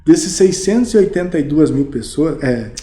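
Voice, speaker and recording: A middle-aged Brazilian man with a Brazilian Portuguese accent, a podcast guest telling lively stories about his sales career, full of fillers. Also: a little high, moderate pace. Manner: animated, lively anecdotes with many fillers. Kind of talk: casual storytelling interview. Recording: roomy podcast studio.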